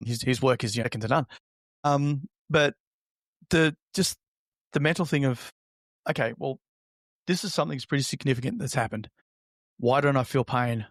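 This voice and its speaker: A man's voice: medium pitch, dry recording. Reflective man telling his story. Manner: halting, reflective, acts out remembered remarks. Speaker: interview guest. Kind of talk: conversational personal storytelling.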